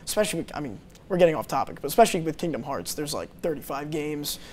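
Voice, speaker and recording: A young adult co-host of a movie review program talks in a fairly high, expressive voice that's a little mellow, moving fast. His casual chat is packed with fillers and restarts, captured on a lapel mic in a small TV studio.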